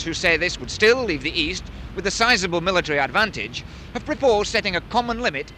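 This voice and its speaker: A man working as a news reporter, delivering scripted questions and reports in a formal, deliberate broadcast manner. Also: a little high, pushed and bright. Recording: 1970s archive news recording, faint noise.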